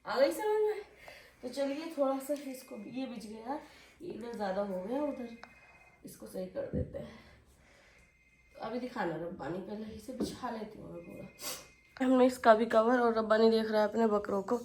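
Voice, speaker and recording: A woman's voice: a little high, moderate pace, a little mellow, a little hiss or hum. A woman with a cold chatting casually in a home vlog, talking to her children and viewers. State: has a cold. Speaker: vlogger and mother. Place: home indoors.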